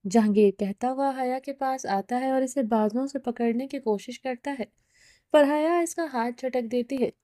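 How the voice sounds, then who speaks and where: A woman narrating a novel aloud in a steady reading voice with small restarts. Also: high-pitched, no room sound, clean studio sound. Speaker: novel reader. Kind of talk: audiobook narration.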